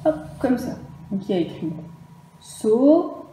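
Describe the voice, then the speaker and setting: A primary school teacher gives a remote phonics lesson to young children, patiently spelling out letters one by one. Her medium-pitched, mellow voice has big pitch swings and moves fairly quickly. The room is echoey with faint noise.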